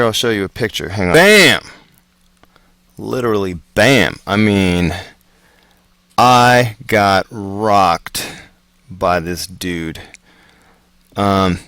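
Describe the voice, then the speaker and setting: A man with a somewhat low voice works through math word problems at a very slow, deliberate pace. His delivery is relaxed and chatty, and the recording is dry and close with no room sound. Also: no room sound. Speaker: math teacher. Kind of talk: casual homework walkthrough.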